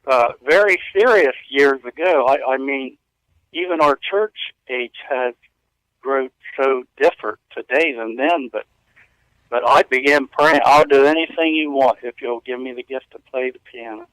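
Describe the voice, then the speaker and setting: A man's voice: medium pitch, normal speed, a bit bright, dry recording, low-quality recording. A man in his fifties telling stories as a radio interview guest, earnest and rambling with frequent chuckles. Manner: earnest, rambling storyteller who chuckles often. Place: hotel room.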